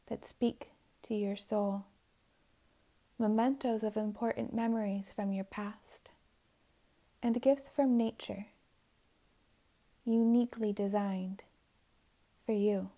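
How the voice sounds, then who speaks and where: A woman guiding a meditation in a soft, soothing voice, often drifting into whispers. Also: a little high, steady tone, slow pace, long pauses. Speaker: meditation guide. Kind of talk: guided meditation narration.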